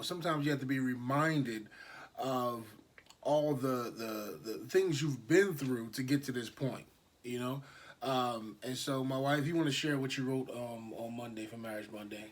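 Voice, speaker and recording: A man in his thirties co-hosts a relaxed podcast with his wife. He talks in an easygoing, rambling way and fills his sentences with "um" and "you know." His voice sits at an ordinary middle pitch. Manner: laid-back, rambling, lots of fillers. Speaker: podcast co-host. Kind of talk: casual chat.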